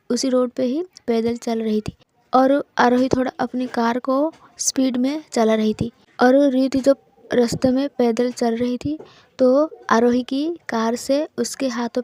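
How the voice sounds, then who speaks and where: A woman's voice: on the high side, mellow. A woman narrating a love story in a chatty way, often repeating and restarting phrases.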